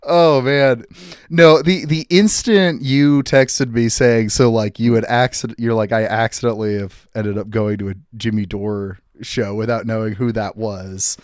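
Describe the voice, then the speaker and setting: A man hosting a casual podcast conversation, easily amused and quick to chuckle as he prompts his guest. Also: medium pitch, fairly even intonation, clean tone, no echo, studio quality. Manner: amused, laughs readily. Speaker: podcast host.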